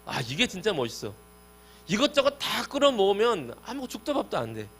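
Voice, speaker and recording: Brief: male youth pastor, slightly high voice, preaching in a lively, direct way to teens. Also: normal speed, slightly rough. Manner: lively, talks directly to listeners. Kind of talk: youth sermon.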